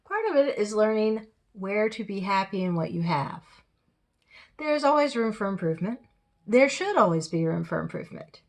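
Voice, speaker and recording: A woman's voice: mid-range voice, lively intonation, normal speed. A woman giving a spoken tarot reading with firm, direct advice. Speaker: tarot reader.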